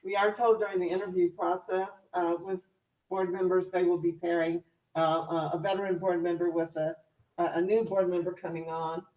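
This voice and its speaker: A woman explaining something at a board meeting in hesitant, measured phrases. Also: on the low side, little pitch movement, muffled recording. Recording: echoey room, distant microphone.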